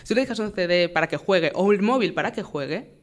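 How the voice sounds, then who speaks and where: A young adult woman, a guest expert, calmly and patiently explaining parenting with everyday examples. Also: on the low side, quick pace. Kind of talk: explanatory interview talk.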